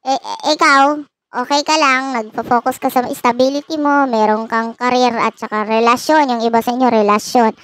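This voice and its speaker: A woman's voice: fairly high pitch, steady tone, moderate pace, a bit bright. A woman hosting a casual tarot reading, playful and teasing, laughing often at her own jokes. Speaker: tarot reader and channel host.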